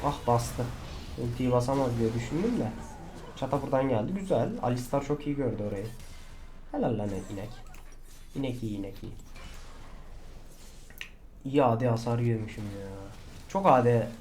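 A man giving live gameplay commentary, excitable, swearing and shouting at teammates. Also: medium pitch, moderate pace, long pauses, slight background noise. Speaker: gaming channel host.

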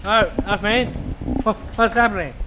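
A young man vlogging at an outdoor car wash bay, excitedly talking to viewers and calling them guys. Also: high-pitched, moderate pace. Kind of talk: casual vlog chat. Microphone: action camera held at arm's length. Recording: action camera with loud car wash noise.

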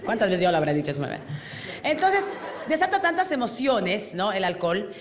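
A Bolivian woman performing an animated stand-up comedy routine, acting out drunk characters with big voice swings. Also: medium pitch, normal speed, slight background noise. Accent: Bolivian Spanish. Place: comedy stage before a live audience.

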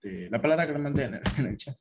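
A man's voice: medium pitch, animated, fast, a little hiss or hum. A man whose first language is Spanish, answering hesitantly in an English class, searching for words. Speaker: student. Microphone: video call.

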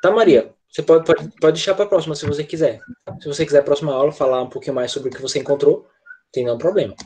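A man's voice: a little high, fast, crowd noise. A male teacher, giving an online English lesson over a video call and patiently explaining pronunciation with frequent check-ins. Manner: patient, repeats "tá?" checks after each point.

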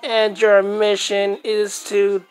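A woman talks through retro arcade games in a relaxed, musing way. She speaks very slowly at a middling pitch and pauses often. She clears her throat now and then. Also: soft background music, poor audio. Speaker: retro game video host. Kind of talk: casual commentary on old game footage.

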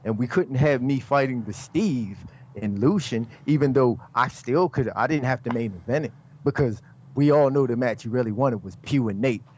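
A man's voice: medium pitch, moderate pace, darkish tone, dull audio, slight background noise. A man speaking as a podcast guest in casual banter, teasing, insistent and steering talk back to himself. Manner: teasing, insistent, self-centered.

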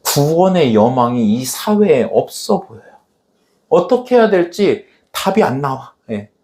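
Animated man preaching with lively pitch. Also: measured pace. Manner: animated preaching, dramatically acting out scripture quotes. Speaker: pastor. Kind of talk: sermon. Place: church.

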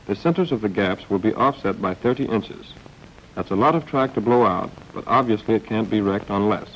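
Slight background noise sits under this fairly quick, lowish-voiced American man as he narrates a scripted 1940s training film, wry and understated. It's a film voice-over preserved on a dull, band-limited old soundtrack.

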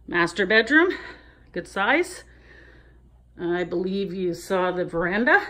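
A woman's voice: medium pitch, a bit bright. A real estate agent walking through a large house, chatting as she points out rooms and getting a little out of breath. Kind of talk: walking house tour narration.

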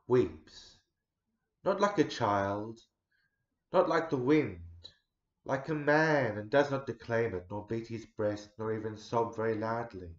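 A man in his forties giving a dramatic poetry recital, measured, swelling loud and sinking to a near hush. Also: medium pitch. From Australia. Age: 40s. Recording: roomy echo, dull lo-fi sound.

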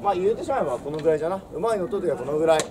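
A young man with a slightly high, expressive voice races through a theatrical history lesson in old samurai speech, projecting in a swaggering, declamatory storyteller's manner. He stands outdoors before a castle stone wall. The distant recording catches crowd, birds and traffic.

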